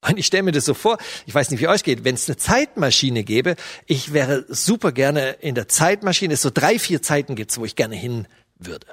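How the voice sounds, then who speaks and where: A man's voice: mid-range voice, big pitch swings, normal speed, slightly rough, no room sound, studio quality. A middle-aged man giving a sermon, retelling a scene in a loose, storytelling way with fillers. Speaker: preacher.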